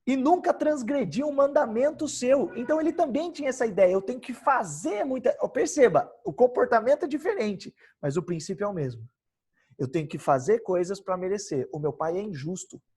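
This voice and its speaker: A man's voice: high-pitched, sing-song, fairly quick, a little mellow, breathy edge. A man with a Brazilian Portuguese accent giving a devotional Bible lesson outdoors in his backyard, emphatic and full of rhetorical questions he answers himself. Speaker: youth devotional speaker.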